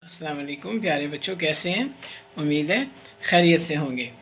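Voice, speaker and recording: A woman teacher giving a reading lesson to young children, patient and explanatory, who reads example sentences slowly and carefully. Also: low-pitched, slight background noise. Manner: patient, explanatory, checks in often. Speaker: primary school teacher.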